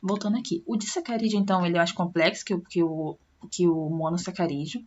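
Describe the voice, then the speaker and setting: A woman's voice: lowish voice, steady tone, fast talker, a little mellow, highs cut off. A woman with a Brazilian Portuguese accent, a science teacher giving a recorded online class and explaining step by step with frequent tag questions.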